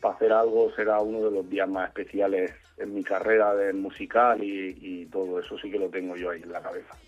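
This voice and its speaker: A man's voice: low-pitched, level tone, fairly quick, soft background music. A man from Mallorca who is a musician, answering interview questions in an earnest, repetitive way with some swearing. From Mallorca, Spain. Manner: earnest, repeats himself, mild swearing. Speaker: musician guest. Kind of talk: casual interview. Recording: tinny phone-like line.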